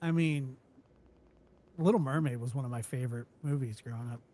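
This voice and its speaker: A man's voice: mid-range voice, a little fast, dark tone. A man co-hosting a casual call-in show, teasing his partner in a mock-serious way. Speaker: podcast co-host.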